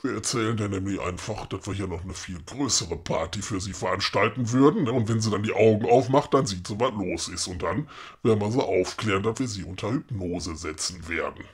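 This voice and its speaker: Geppetto, a husky Ruhr-accented woodcarver played by a man. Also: fairly low pitch, a little fast. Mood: scheming. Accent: Ruhr German. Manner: chummy, matter-of-fact, tagging sentences with "ne". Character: gruff middle-aged male woodcarver, grumpy but helpful. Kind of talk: comedic audio play.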